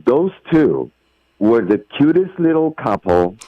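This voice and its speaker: Middle-aged Bulgarian-accented actor, slow and emphatic, gushing praise, dry and muffled phone audio. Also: male voice, mid-range voice, sing-song, no room sound. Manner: effusive, emphatic, non-native phrasing. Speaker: actor guest. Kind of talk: phone interview.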